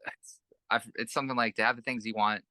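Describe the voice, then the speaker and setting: A man's voice: lowish voice, steady tone, fast, sharp tone, no room sound. A young man who plays in a band, chatting casually in an interview and rambling with lots of fillers and restarts. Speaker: band musician, interview guest.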